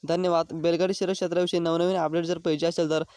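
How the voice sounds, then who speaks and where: A man's voice: fairly high pitch, little pitch movement, fast, darkish tone, no room sound. A man hosting a channel, reading scripted race news and often addressing his viewers directly. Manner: repeatedly addresses viewers as friends. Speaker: channel host.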